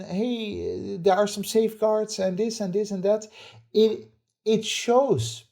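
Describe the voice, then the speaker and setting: Male podcast co-host, mellow timbre, indignant opinion rant. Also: high-pitched. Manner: indignant, ranting.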